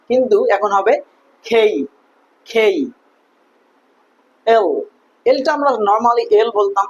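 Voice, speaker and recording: Husky teacher drilling English letter sounds. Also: mid-range voice, dull audio. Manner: patient, repeats each sound several times. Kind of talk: spoken language lesson.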